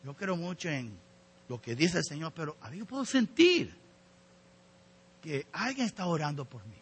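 A man's voice: fairly high pitch, sing-song, moderate pace, husky. A man preaching a sermon as pastor to his congregation, earnest and exhorting, often calling his listeners brothers.

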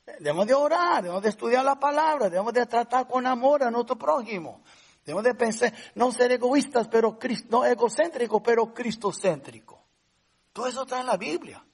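A man's voice: very high voice, lively intonation, brisk, husky. A man preaching a conversational sermon as pastor, rising to emphatic points now and then.

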